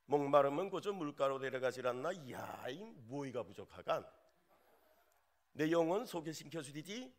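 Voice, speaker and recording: A man's voice: fairly high pitch, big pitch swings, normal speed. A man voicing a folksy, plain-spoken northern countryman reciting a psalm in a Pyongan dialect, with a drawling, homespun delivery.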